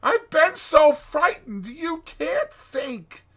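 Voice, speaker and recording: A man's voice: extremely high pitch, very animated, drawn-out words, a bit bright, pitched above the performer's own voice, exaggerated voice. A man voicing a timid, weary little mole with a feeble, plaintive voice in a dramatized children's storybook. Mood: frightened, relieved.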